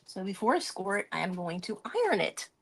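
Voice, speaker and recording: A woman's voice: mid-range voice, sing-song, fairly quick, vocal fry, a little hiss or hum. A woman hosting a craft live stream, chatting casually and rambling about her week while she works at her craft table. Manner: chatty, rambling, talks through her hands-on work.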